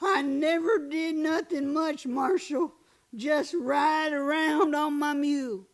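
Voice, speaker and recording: A naive drifter of the old West, acted by a woman, speaking very slowly in folksy American speech. The voice sits high, and the manner is gentle and plain, as in a radio Western. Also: steady tone. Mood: meek, aimless. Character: simple, gentle drifter man, a former Union soldier. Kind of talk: Western radio play acting.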